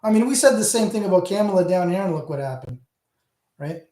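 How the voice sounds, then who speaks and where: A middle-aged man with a Southern Ontario Canadian accent hosts a casual livestream chat, rambling, answering viewers, talking back to chat and trailing off. His voice is high-pitched and fast with lively intonation and a dark tone, recorded with roomy echo.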